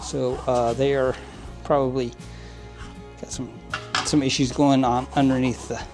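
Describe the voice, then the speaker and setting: A man's voice: mid-range voice, flat delivery, a little slow, over music. A man casually narrating hands-on model train cleaning at his work table, rambling with fillers and little chuckles. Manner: rambling, many fillers and restarts, chuckles often. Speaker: model train hobbyist channel host. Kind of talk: casual how-to narration while working.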